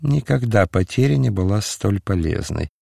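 A man voicing a mysterious male stranger who speaks calmly, dispassionately and with faint mockery. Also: fairly low pitch, moderate pace, creaky, no room sound, clean studio sound, full character voice. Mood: cryptic, wry. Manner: calm, dispassionate, faintly mocking. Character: mysterious calm male stranger, cryptic and mocking.

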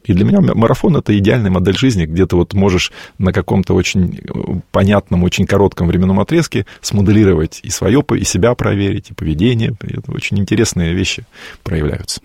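A man's voice: deep voice, fast talker, vocal fry, a little mellow, husky, dry recording, studio quality. A man in his late forties giving thoughtful interview answers, stopping to search for words and restarting his sentences. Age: 40s. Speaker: guest.

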